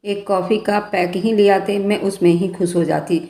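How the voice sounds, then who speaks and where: A woman's voice: mid-range voice, fairly even intonation, moderate pace, warm tone, natural voice. Playful young woman, read by the narrator, chatty, roomy echo. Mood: warm. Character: chatty, playful young female office worker. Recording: echoey room.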